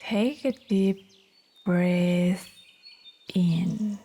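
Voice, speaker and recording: With a voice on the low side, a woman gently narrates a meditation, breathy and calming. Her short phrases are spaced out by lengthy pauses, and birds can be heard singing in the background.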